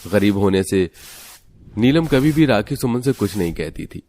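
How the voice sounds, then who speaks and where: A man narrating an animated family story in a steady, scripted storytelling delivery. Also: fairly low pitch, normal speed, slight background noise.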